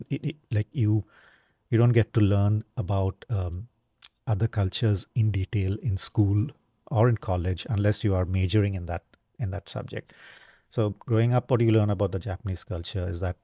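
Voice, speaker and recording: A man's voice: on the low side, dark tone, no echo, studio quality. A man from India hosting a solo podcast, talking in a casual, thoughtful way, with lots of "um", "you know" and "right?". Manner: casual, thoughtful, many fillers and tag questions. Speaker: podcast host. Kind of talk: reflective solo talk.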